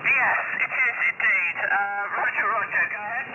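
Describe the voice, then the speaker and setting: A woman's voice: mid-range voice, normal speed. A woman chatting over ham radio in a courteous, hesitant way, leading the round and giving call signs. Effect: shortwave radio transmission. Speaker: amateur radio operator leading a round of contacts. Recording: narrow-band shortwave radio with clear static noise.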